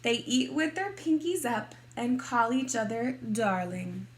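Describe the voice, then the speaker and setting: A woman reading a picture book aloud expressively to kindergarteners, in a deliberate teacherly way. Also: fairly high pitch, slight background noise. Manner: deliberate, clearly addressed to small children.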